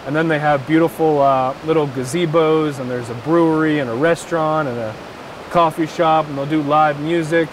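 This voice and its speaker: A man's voice: a little high, steady tone, normal speed, background noise. A man in his thirties talking casually to the camera like a local vlogger sharing travel tips. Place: outdoors on a wooden deck by a rushing forest stream. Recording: distant voice over loud stream rush.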